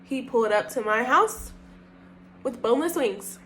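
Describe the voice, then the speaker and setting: A young woman telling a casual storytime about dating, animated and profane, often laughing. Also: fairly high pitch, normal speed. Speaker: storytime vlogger.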